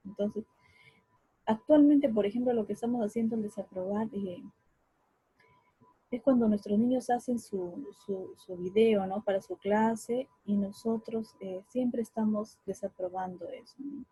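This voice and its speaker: Dark, husky woman giving a parenting talk. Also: mid-range voice, measured pace, no echo, low-quality recording. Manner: frequent tag questions and fillers; acts out parents' remarks to children. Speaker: speaker on family communication. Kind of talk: informal lecture on parenting.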